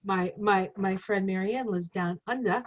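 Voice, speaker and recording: A woman's voice: medium pitch, measured pace, slight background noise, poor audio. A woman astrologer chats as a guest, her thoughts tumbling out in loose, rambling sentences. She leans on fillers like "you know" and "like" as she goes. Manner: rambling, chatty, filler-heavy. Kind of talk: casual conversation.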